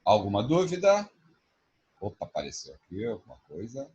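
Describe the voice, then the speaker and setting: Male teacher, husky voice, animated delivery, online class. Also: on the low side, lo-fi sound. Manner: lively, spells out examples slowly.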